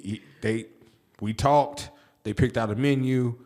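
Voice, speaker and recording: A man's voice: medium pitch, fairly even intonation, a little mellow. Easygoing male podcast host. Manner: easygoing, supportive, halting questions. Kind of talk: casual podcast chat.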